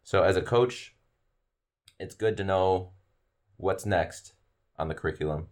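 A man co-hosting a casual podcast as a coach, easygoing and quick to laugh. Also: deep voice. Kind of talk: casual chat.

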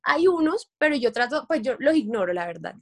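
A young content creator from Colombia's Caribbean coast chats casually as a guest in an interview. Her high-pitched voice moves fairly quickly, and she acts out quotes, voicing other people in a lively way.

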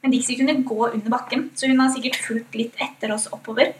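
A woman with a Norwegian accent, a podcast guest, telling a story in a casual, animated way with many fillers and quoted thoughts. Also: a little high. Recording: roomy, distant from mic.

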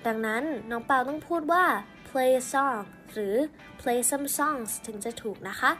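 A woman with a high voice explains English usage in a scripted lesson. She speaks patiently and politely. Faint music sits underneath her. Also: slow, fairly bright tone. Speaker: English teacher presenter.

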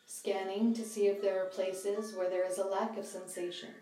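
A woman guides a mindfulness meditation, offering calm, measured instructions in short phrases in a medium-pitched voice. The recording is slightly distant and roomy, with music behind her.

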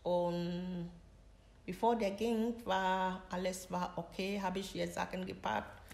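Middle-aged woman from Ghana, slightly low voice, broken halting German, roomy recording. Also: steady tone, gravelly, darkish tone. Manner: halting, broken German with many pauses and fillers. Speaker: interviewee, mother of the host. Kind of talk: personal story told in conversation. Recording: roomy echo with faint noise.

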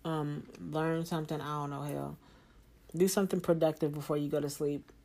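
A woman's voice: low-pitched, fairly even intonation, normal speed, creaky, warm tone. A woman rambling casually and profanely on her solo podcast, talking with candy in her mouth. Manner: rambling, profane, laid-back. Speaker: podcast host.

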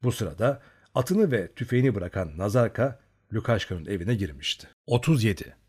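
A man reading a novel aloud as an audiobook narrator, in an expressive, storytelling way. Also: on the low side, normal speed, slightly rough. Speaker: audiobook reader.

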